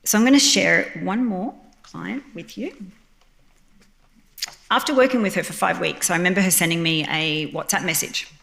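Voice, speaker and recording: A woman's voice: lowish voice, moderate pace, vocal fry, fairly bright tone. A woman, a psychotherapist giving a earnest, heartfelt live presentation at a venue and repeating phrases for emphasis. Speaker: psychotherapist presenting at a health summit.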